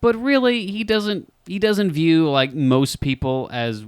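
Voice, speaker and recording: A man's voice: a little high, slow, clear, resonant tone, dry recording, clean studio sound. A man co-hosting a casual podcast chat, giving strong, emphatic opinions. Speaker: podcast co-host.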